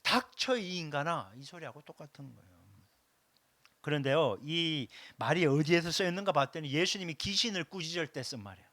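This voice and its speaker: A man's voice: fairly high pitch, a little fast, a bit bright, no room sound. A man preaching a Sunday sermon as pastor, emphatic, repeating key phrases and putting questions to the congregation. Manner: asks the congregation direct questions.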